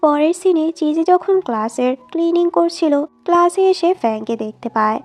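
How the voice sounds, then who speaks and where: A woman narrating a drama plot in a steady storytelling read, quoting each line of dialogue. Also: very high voice, normal speed, faint music behind.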